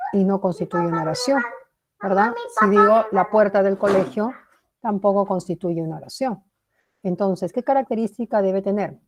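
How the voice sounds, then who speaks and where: A woman's voice: mid-range voice, mellow. A woman teaching a language class, explaining step by step, praising students by name and checking in with "¿verdad?". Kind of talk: online class lecture.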